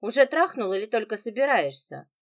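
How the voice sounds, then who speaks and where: A woman's voice: a little high, big pitch swings, fairly quick. A woman doing a sneering, venomous wife. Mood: mocking. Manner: sarcastic, sneering, biting.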